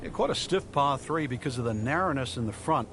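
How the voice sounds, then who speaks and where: A man's voice: medium pitch, animated, a little fast. A man working as a golf analyst in broadcast commentary, explaining things in a conversational way. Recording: outdoor crowd and background noise.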